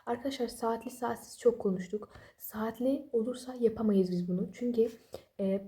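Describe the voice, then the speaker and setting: Sleepy, fast-talking young woman vlogger. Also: mid-range voice, warm tone. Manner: rambling, apologetic, chatty with self-deprecating jokes. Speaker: study vlogger. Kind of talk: casual late-night study advice. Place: home at night while family sleeps. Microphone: no external microphone.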